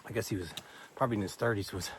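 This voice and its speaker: A man's voice: lowish voice, steady tone, racing, a little hiss or hum. An older man from Texas, vlogging a hike outdoors on a forest trail into a handheld camera, rambling in a folksy way as he gives friendly advice. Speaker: hiker vlogger. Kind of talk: casual trail vlog.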